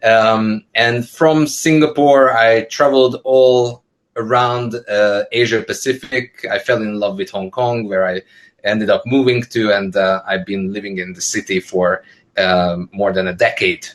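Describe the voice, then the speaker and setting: A Hungarian man in his thirties, an entrepreneur on a webinar panel, talks about his work over a video call from an indoor room. His voice sits fairly low, with fairly even intonation and a slightly slow pace. It's casual, conversational speech packed with fillers and restarts.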